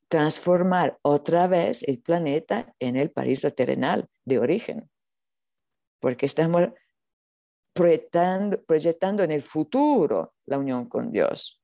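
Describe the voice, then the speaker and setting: Spiritual teacher, non-native Spanish, creaky and dark-toned, earnest, feeling for words, close dry recording. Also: medium pitch, animated, no echo. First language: not Spanish. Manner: earnest, halting, searching for words. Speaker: spiritual teacher being interviewed. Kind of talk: unscripted spiritual talk.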